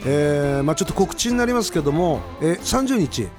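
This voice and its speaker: A man's voice: on the high side, sing-song, brisk, over music. A man in his fifties hosting a late-night radio show, chatting casually and telling rambling stories. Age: 50s. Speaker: radio host.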